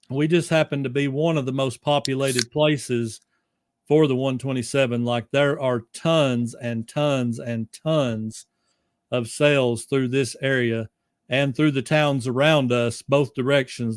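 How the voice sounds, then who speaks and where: A man's voice: mid-range voice, steady tone, unhurried, no echo, studio quality. A man chatting casually as a guest on a podcast, explaining things in a loose, rambling way.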